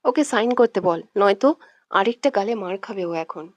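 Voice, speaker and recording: A woman's voice: medium pitch, lively intonation, moderate pace, darkish tone, dry recording, highs cut off, close to an everyday voice. A woman voicing a domineering, hot-tempered young man who bosses and threatens in curt lines, in a read-aloud audio story. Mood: threatening.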